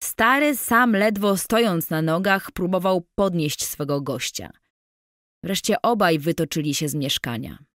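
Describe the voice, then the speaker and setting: Woman audiobook narrator, slow and measured, low-pitched, dry close recording. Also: lively intonation, dry recording.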